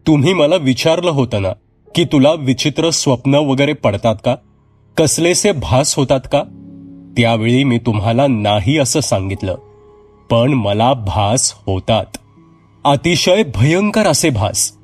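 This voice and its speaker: A man's voice: medium pitch, expressive, unhurried, a little mellow, slightly rough, soft background music. A man voicing a frightened, earnest young woman who pleads and raises her voice in distress. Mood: confessing.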